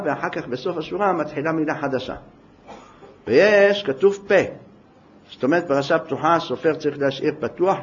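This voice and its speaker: A man giving a storytelling sermon in a fairly high voice. He turns dramatic, dropping to a hush and then rising to a shout. The recording is dull and lo-fi. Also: a little hiss or hum. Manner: dramatic, swings from hushed to shouting. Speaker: preacher.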